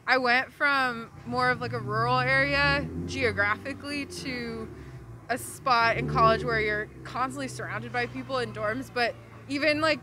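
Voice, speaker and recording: A woman's voice: on the high side, fairly even intonation, moderate pace, background noise. A young woman from the US West Coast answering a street interview, reflective and full of "like" fillers. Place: outdoor city street. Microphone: handheld mic.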